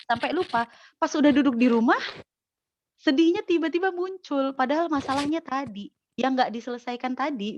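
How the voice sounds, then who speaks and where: A woman answering a question with parenting advice, explaining in a lively way with examples. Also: fairly high pitch, dry recording. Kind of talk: advice talk. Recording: dull lo-fi audio.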